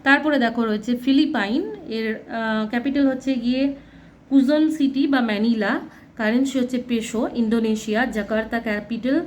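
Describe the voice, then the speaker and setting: A woman with a somewhat high voice teaches a children's lesson in a plain, explaining way. She spells out words and repeats points so the children do not mix them up. Faint hiss runs behind her voice. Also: steady tone, a little fast. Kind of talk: reading through a textbook lesson for children.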